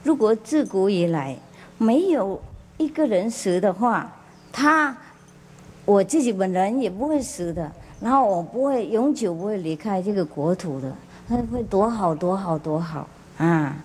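A man's voice: high-pitched, lively intonation, a little slow, darkish tone, husky, exaggerated voice. A woman voicing an ancient male king who sighs and laments that he must one day die. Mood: lamenting. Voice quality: sighing, lamenting. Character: ancient king mourning his own death, wistful.

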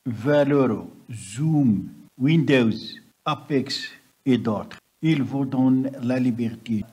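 A man narrates a software tutorial step by step over a screen recording. His voice sits at a middle pitch and is strongly husky and rough. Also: extremely slow.

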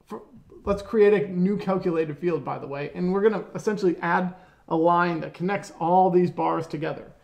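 A man talking through a software tutorial step by step, relaxed, often correcting himself mid-sentence. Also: a little high, creaky. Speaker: software trainer. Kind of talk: screen-recorded software tutorial. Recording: roomy echo.

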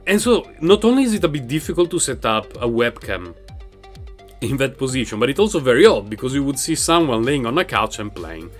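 With a medium-pitched, sing-song, brisk delivery and faint music behind him, a gaming channel host with a non-native English accent chats about his game from a couch at home. He rambles and laughs a lot, speaking into a mic raised in front of him.

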